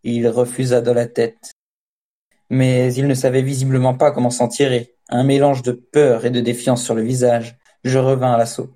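A man reading a first-person story as an audiobook narrator, in a measured, steady storytelling voice. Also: mid-range voice. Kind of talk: scripted narration.

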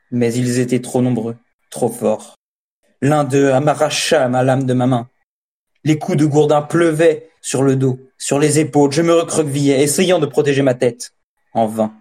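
A medium-pitched man tells a first-person tale for an audiobook, keeping his scripted storytelling calm and steady.

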